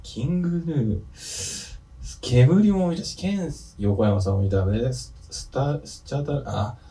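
A man hosting a comedic talk show, firing off sharp, quick retorts and steering the conversation. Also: medium pitch, animated. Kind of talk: casual comedic chat.

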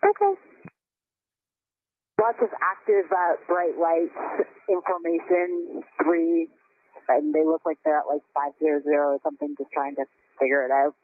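Male pilot heard over a cockpit radio, slightly high voice, narrow tinny audio, relaxed and unsure. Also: moderate pace. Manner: casual, hesitant, uncertain. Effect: cockpit radio transmission over headset. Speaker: airline pilot. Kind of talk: radio call to air traffic control.

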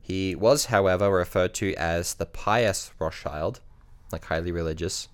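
A man's voice: deep voice, unhurried. A man co-hosting a podcast, casually telling a history story with frequent ums and restarts. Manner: relaxed, hesitant, many ums and restarts.

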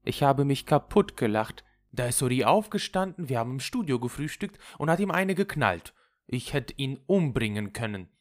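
Pitched above her own voice yet still extremely low, the reader gives Loulou, an impulsive, flighty young gossip, a chattering audiobook character voice. The pace is moderate, and the pitch swings widely.

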